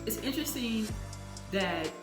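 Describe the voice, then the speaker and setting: A woman hosting her channel, reacting to a clip in a chatty, expressive way. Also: on the high side, unhurried. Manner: chatty, expressive, gives little "mm-hmm" prompts. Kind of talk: casual reaction commentary. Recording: echoey room with music behind.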